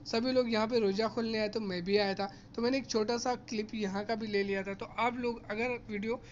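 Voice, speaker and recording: A man's voice: high-pitched, steady tone, brisk, dull audio, a little hiss or hum. A man casually narrating a tour vlog through a large indoor shopping mall, chatting to viewers as guys and explaining prices and offers. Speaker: vlogger.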